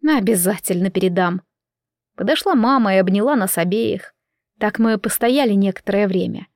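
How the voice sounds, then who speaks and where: A woman narrating a first-person story in a calm, even storytelling manner. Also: mid-range voice, fairly quick, no echo, clean studio sound. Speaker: audiobook narrator.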